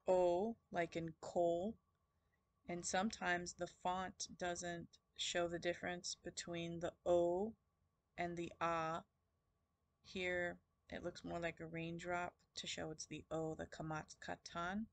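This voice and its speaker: Woman teacher going over vowels real slow and careful, lowish voice, dry sound. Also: flat delivery, creaky, no echo. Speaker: Hebrew teacher. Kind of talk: recorded lesson.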